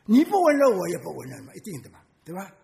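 Animated elderly man preaching, gravelly voice. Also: high-pitched, fast, long reverb tail. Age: 80s. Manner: animated storyteller who asks the congregation questions. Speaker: pastor. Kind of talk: sermon.

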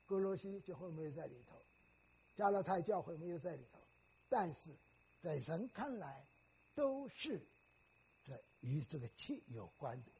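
A man's voice: a little high, very animated, normal speed, pauses often, mellow, husky. An older man preaching a sermon in a teacherly way, often putting questions to the congregation.

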